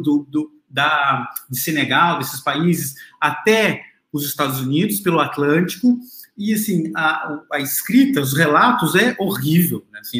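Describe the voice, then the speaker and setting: A man's voice: fairly high pitch, a bit bright. A man giving a classroom lecture, explaining patiently to his listeners with many fillers and restarts. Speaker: literature lecturer. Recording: roomy echo.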